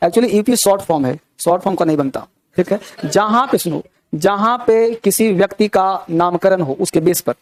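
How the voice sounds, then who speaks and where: A male teacher explains grammar to a class, often asking quick check questions and mixing in English examples. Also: high voice. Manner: asks frequent check questions.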